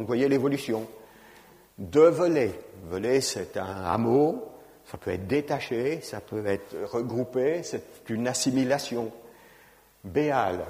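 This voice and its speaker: In a reverberant lecture hall, a man gives an informal talk on genealogy, speaking conversationally and often dropping in "hein" and other fillers. His mid-range voice is a little mellow.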